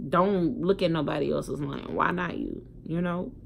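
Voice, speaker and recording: A young woman speaks frankly into her phone. She talks in a candid, emphatic way and swears freely, swinging between loud outbursts and quiet thoughts. A faint hiss sits under her voice. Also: sits low, very animated, normal speed, gravelly. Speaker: vlogger. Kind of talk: casual personal storytelling to a phone camera.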